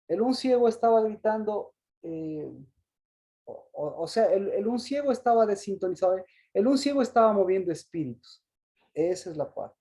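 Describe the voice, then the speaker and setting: Leading a Bible study on a video call, this man invites interaction, pausing and repeating words as he poses questions. He has a high, mellow voice.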